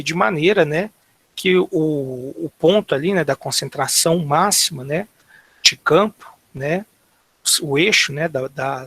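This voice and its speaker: A man from Brazil giving an online university engineering lecture, halting and filling nearly every phrase with tags and restarts. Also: a little high, bright, forceful tone, slightly rough.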